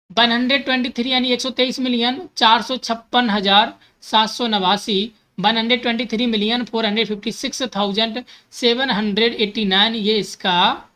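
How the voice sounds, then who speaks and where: A woman talks through a math lesson with a bright, fairly high voice. She repeats each step, poses questions and answers them herself, and slips number words into her speech. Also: steady tone, moderate pace, poor audio. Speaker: math teacher.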